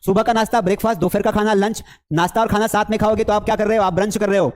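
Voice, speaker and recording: A man's voice: high-pitched, fairly even intonation, very fast. A man teaching English in a live online class, with a Hindi accent, coaxing students with repeated questions.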